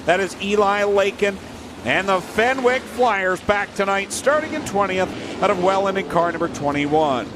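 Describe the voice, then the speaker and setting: With a voice that sits high and sounds expressive, a race announcer projects his play-by-play motorsport commentary at a moderate pace. He's recorded at a noisy outdoor trackside, with race cars and outdoor ambience in the background.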